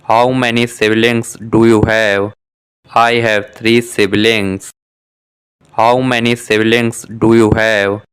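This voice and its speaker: A man with a lowish, slightly bright and smooth voice reads in a flat manner from scripted beginner English dialogues for shadowing practice. Every short exchange is said twice, in measured and carefully articulated speech.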